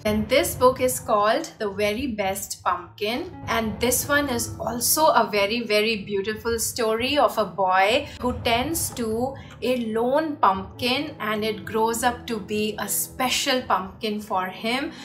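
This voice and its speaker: A woman's voice: medium pitch, fairly bright tone. A woman presenting book recommendations in an explanatory way, as if talking to parents. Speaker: presenter reviewing children's books. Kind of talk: informal book recommendation monologue to camera. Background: background music.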